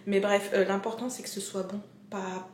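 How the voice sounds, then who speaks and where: A woman's voice: mid-range voice, little pitch movement, normal speed, slight background noise. A woman chatting casually to her camera in a vlog, laughing often and poking fun at herself. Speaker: vlogger. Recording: echoey room with music playing.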